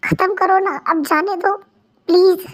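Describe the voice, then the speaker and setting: A woman's voice: extremely high pitch, steady tone, measured pace. A woman voicing a young wife begging to be let go, in an amateur fan dub. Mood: pleading. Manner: pleading, exasperated. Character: young wife pleading with her captor.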